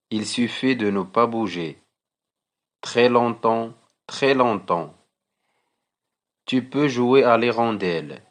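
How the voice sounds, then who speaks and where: A man reads poetry aloud the way a teacher would for pupils, measuring out each short phrase in an extremely slow, deliberate delivery. His voice has a middling pitch for a man.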